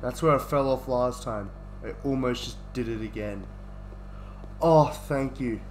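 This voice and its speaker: A young man narrating his own playthrough of an unsettling game, muttering to himself and breaking into startled swearing. His voice sits at an ordinary middle pitch. The recording carries a clear layer of steady background noise. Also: a little slow. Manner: profane, jumpy running reactions to a horror game. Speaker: gaming video creator. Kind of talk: let's play commentary.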